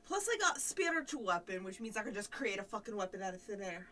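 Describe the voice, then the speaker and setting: A woman playing a tabletop game who talks in a chatty, lively way and swears casually. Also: medium pitch, fast talker, recorded from a distance. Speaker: player.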